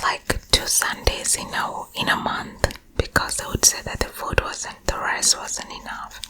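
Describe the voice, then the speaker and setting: Woman, ASMR host, soft whispered storytelling, slow and chatty, close mic. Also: poor audio. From Uganda.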